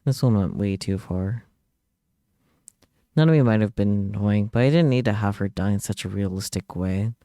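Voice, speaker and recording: A man reads visual novel text on stream at normal speed, his lowish voice warm and his asides wry and casual. The sound is clean studio quality with no echo, backed by video game music.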